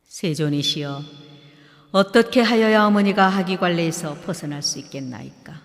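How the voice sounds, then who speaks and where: A man's voice: a little high, normal speed, a bit bright. A man reading the lines of a devoted young monk who pleads formally and reverently for his mother. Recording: long hall reverb.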